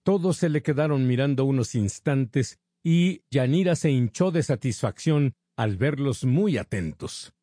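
Mellow man narrating a story. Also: medium pitch, lively intonation, unhurried, few pauses, no echo, clean studio sound. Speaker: audiobook narrator. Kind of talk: scripted narration.

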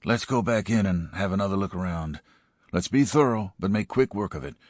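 A man voicing a gruff, weary middle-aged small-town sheriff giving orders. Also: sits low, lively intonation, a little fast, no room sound, clean studio sound. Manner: gruff, commanding.

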